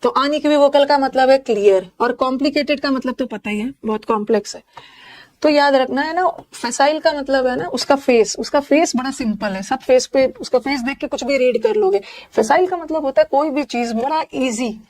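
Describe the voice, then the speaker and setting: A woman's voice: high-pitched, normal speed, a little mellow. Indian woman teaching vocabulary in a live class. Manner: explains each word with jokes and Hindi memory tricks.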